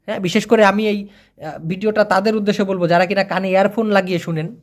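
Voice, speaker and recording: A Malay teacher gives a video lesson. The teacher says foreign phrases very slowly, repeats them, and keeps coaxing viewers with please and brother. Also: medium pitch, fairly even intonation.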